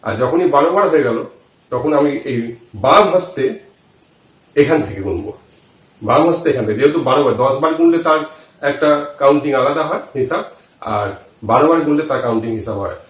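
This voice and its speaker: A man giving a slow, deliberate lesson on chanting, counting aloud as he shows the finger positions. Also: mid-range voice, lively intonation. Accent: Bengali. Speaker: spiritual teacher. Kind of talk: instructional talk to camera. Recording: roomy echo, voice from some distance.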